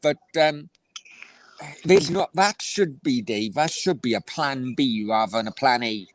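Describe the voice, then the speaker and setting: A man with a South Wales accent and a medium-pitched voice hosts a casual football chat at a slightly slow pace. He rambles, stumbles into frequent restarts, and laughs easily, with no room sound on the recording.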